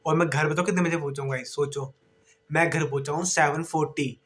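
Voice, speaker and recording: Hoarse, tired young man vlogging. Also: on the high side, fairly even intonation, a little fast. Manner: tired, chatty. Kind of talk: casual vlog chat. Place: outdoors then at home.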